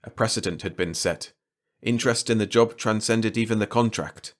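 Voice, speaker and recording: A man reading a science fiction short story aloud in measured, even scripted narration. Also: on the low side.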